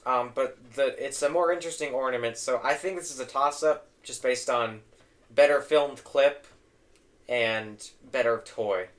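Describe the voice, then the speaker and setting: A young man hosts a casual tier-list ranking, speaking a little slowly with a voice going hoarse. He's opinionated and tends to trail off into low mumbles.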